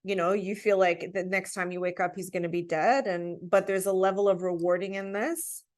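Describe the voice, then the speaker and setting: A woman's voice: lowish voice, fairly even intonation, normal speed. Earnest, emphatic woman telling personal stories. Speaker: podcast guest. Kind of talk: conversational personal storytelling.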